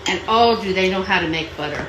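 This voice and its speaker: A woman's voice: medium pitch, fast talker. Woman, cooking show co-host, step-by-step chatty, echoey home kitchen, faint hiss. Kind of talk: casual cooking demo.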